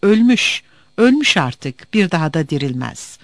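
A man's voice: on the high side, sing-song, measured pace, no echo. A man voicing a desperate young woman who pleads and stammers through tears. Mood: bitter.

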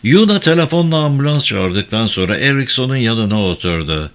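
A man narrating a thriller audiobook in a steady, measured reading voice. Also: medium pitch. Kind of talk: scripted narration.

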